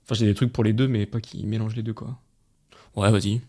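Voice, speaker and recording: A young man co-hosting a podcast in casual chat, quick and self-mocking, laughing often as he plays a word game. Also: fairly low pitch, flat delivery, a little mellow. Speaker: podcast co-host.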